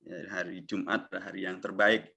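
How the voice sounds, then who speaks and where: A low, gravelly man's voice cuts in and out on a choppy video call. He speaks in a bright, measured way, quoting a line and then explaining it. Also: flat delivery. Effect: audio breaking up over a video call. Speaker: Islamic teacher. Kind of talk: religious lecture over a video call.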